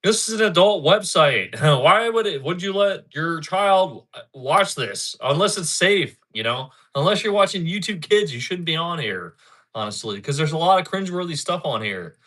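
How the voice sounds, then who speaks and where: Thirties male streamer, bright forward voice, loose rambling chat with viewers. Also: on the high side, animated, normal speed. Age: 30s. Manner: rambling, repeats himself, talks back to chat. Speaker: livestreamer. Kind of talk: casual live-stream chat.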